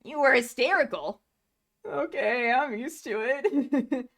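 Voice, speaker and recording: A woman's voice: sits high, slow pace, a bit bright, heavily acted. A woman voicing a fearless, carefree young pirate boy in a cartoon, blunt and cheerful.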